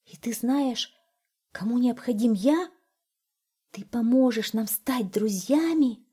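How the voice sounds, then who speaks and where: Woman doing storybook fog: soft, lonely, husky, warm. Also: fairly high pitch, slow, pitched above the performer's own voice. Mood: plaintive. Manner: soft, plaintive. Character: lonely, gentle fog spirit.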